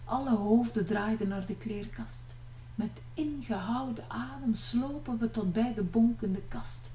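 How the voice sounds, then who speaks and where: A middle-aged Flemish woman reads a storybook aloud in an unhurried, lilting way, her voice sitting a little high. She sounds set back from the mic in an echoey room. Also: recorded from a distance, slight background noise. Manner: playful, lively storytelling, voices for the sisters. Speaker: children's book author reading aloud.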